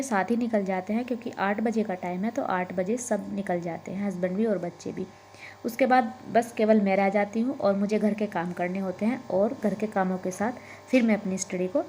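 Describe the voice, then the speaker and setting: Earnest woman in her thirties, mellow voice. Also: mid-range voice, a little hiss or hum. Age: 30s. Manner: earnest, encouraging, repeats herself. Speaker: homemaker vlogger. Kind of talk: casual motivational vlog talk.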